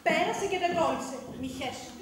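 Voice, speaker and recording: A woman's voice: high-pitched, lively intonation. A woman playing a cheeky gossipy maid. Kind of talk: theatrical stage acting. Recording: very echoey stage with noise, far mic.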